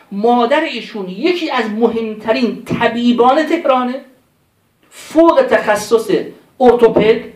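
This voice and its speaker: A man preaching a religious sermon, impassioned, pleading with rhetorical questions and reciting verses in Arabic. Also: very high voice. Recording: roomy echo.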